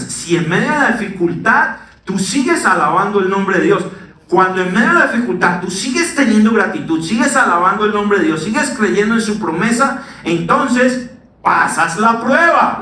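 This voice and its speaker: A middle-aged man preaching a sermon as pastor, animated and swinging down to a hush. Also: high voice, distant mic. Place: church. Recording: echoey church hall, voice from the mic.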